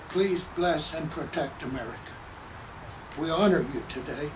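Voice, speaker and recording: Distant, solemn man praying publicly. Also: a little high. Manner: solemn, measured oratory in short phrases. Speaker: clergyman giving a ceremony prayer. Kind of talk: formal public prayer. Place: public memorial ceremony. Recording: distant microphone, clearly noisy ambience.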